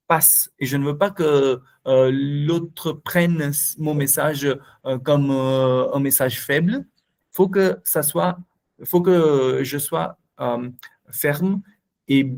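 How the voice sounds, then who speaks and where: A man leads a talk at a language school, his voice sitting a little high for a man. He explains step by step and pauses often with fillers as he searches for words. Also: a little mellow. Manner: hesitant, many fillers, explanatory. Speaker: French teacher. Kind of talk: online talk on nonviolent communication.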